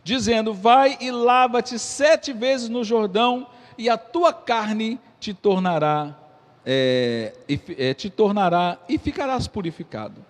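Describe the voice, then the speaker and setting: A man with a Brazilian Portuguese accent preaches from the pulpit, his voice pitched high. He reads scripture, checks in with the congregation, and retells the story in vivid voices. A long church reverb trails each phrase. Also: expressive, slow pace. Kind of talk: sermon with scripture reading. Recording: echoey church hall.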